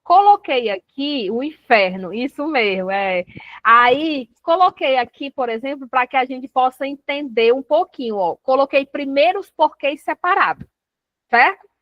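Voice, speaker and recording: Woman teacher, high voice, chatty and informal, dry muffled recording. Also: animated, a little slow, no room sound. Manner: chatty, repeats "tá certo?" and "né?" often. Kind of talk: grammar revision lesson.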